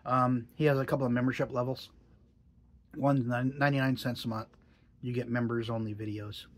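A man's voice: medium pitch, level tone, a little fast. A middle-aged man chatting casually in a vlog, musing and hesitant, with dry jokes. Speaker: tobacco reviewer.

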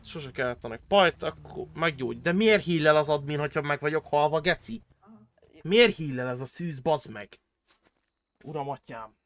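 A man streaming a role-play game, excitable and loud, swearing constantly. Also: a little high.

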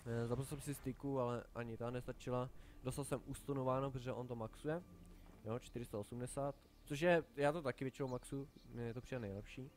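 A young man with a Czech accent, commentating his own online game in a chatty way, dropping English swears and yelling in sudden panic. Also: medium pitch, steady tone. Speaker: gameplay commentator.

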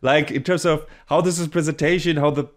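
A man's voice: a little high, fairly even intonation, brisk. Enthusiastic rambling male podcast reviewer. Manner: enthusiastic, rambling, many restarts and fillers. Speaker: podcast co-host reviewing anime. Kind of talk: casual podcast review chat.

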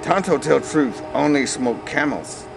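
A man's voice: a little high, measured pace, creaky, music in the background, voice pushed up, poor audio. A man voicing a proud Western sidekick who talks in short broken phrases, reading a comic musical script aloud. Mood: boastful.

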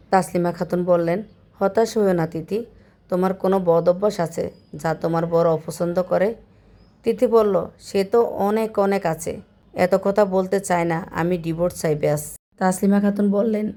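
A woman's voice: medium pitch, darkish tone. A woman narrating a serialized family drama story, reading every character's lines herself. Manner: reads all parts, shifting tone for quoted speakers.

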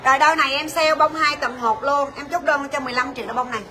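High, bright saleswoman. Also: fairly even intonation, some chatter behind. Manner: rapid, coaxing sales patter calling out prices. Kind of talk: livestream sales pitch.

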